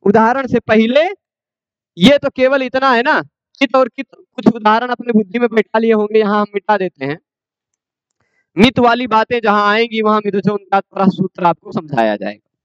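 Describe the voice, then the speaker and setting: A Sanskrit grammar teacher speaks in a high, smooth voice, slowly and deliberately, posing questions and then answering them. The sound is dry and a little dull, with a lo-fi edge. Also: male voice, no echo. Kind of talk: classroom grammar lecture.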